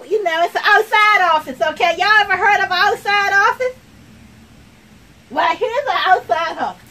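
A woman's voice: very high voice, bright, forceful tone, voice pushed up. A woman playing a chatty, brash 82-year-old woman in a comic monologue, rambling and talking straight to viewers. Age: older. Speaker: comedic character sketch. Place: outdoors.

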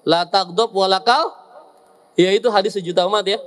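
A male preacher, giving a lively, joking sermon to a seated audience and often teasing them. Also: sits high, normal speed. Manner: joking, teasing the audience with asides and acted quotes.

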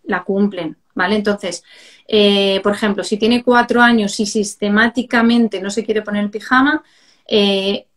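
A woman, a positive discipline educator, chatting on a live stream and telling parenting stories in a lively, explanatory way. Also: medium pitch, unhurried. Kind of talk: casual chat on a live stream.

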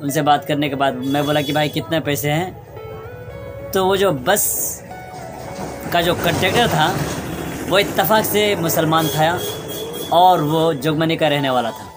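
A young man earnestly recounting a personal memory, reflective, pausing and restarting as he talks. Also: a little high. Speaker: storyteller vlogger. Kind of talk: personal storytelling vlog. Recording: sad background music underneath.

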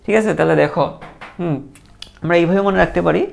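A man teaching a biology class, patiently quizzing students and repeating terms slowly so they can echo them. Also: high voice, gravelly. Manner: patient, encouraging. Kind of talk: classroom lecture.

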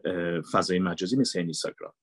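Here a voice actor and dubber from Mashhad, Iran, whose accent is Mashhadi Persian, responds to interview questions with earnest emphasis, repeating words to stress them. The voice is low-pitched and slightly rough, and there is no echo.

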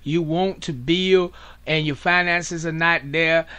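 A man's voice: fairly high pitch, steady tone, takes it slowly, sharp tone, clean tone. A man, a pastor hosting a radio show, preaching in a rhythmic cadence and punctuating his points with frequent amens.

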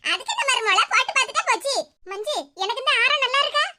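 A woman's voice: very high voice, animated, a little fast, noisy background, voice pushed up. A woman voicing a doting, sentimental mother-in-law in a cartoon, with a Kanyakumari Tamil accent and an affectionate manner. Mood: fond. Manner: affectionate, emotional, often laughing.

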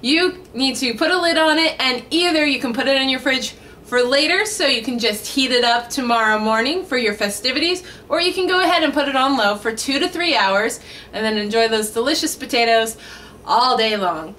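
High-voiced, jokey young woman cooking at home. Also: a little fast, bright, forceful tone, a little hiss or hum. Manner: jokey, punny, chatty. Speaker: cooking vlog host. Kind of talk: casual cooking vlog to camera. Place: home kitchen, indoors.

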